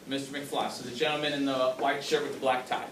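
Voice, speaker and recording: A man's voice: medium pitch, little pitch movement, fast, background noise. Upbeat male teacher in a roomy classroom. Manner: upbeat, questioning, praising answers. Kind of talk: classroom lesson. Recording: roomy classroom, mic far off.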